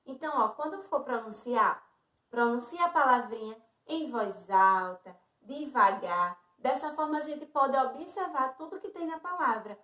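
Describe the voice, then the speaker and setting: A woman with a Brazilian Portuguese accent teaching young children in a slow, sing-song, encouraging way. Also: high-pitched, expressive, a bit bright, recorded from a distance. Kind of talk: online lesson for young children. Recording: roomy echo, a bit off-mic.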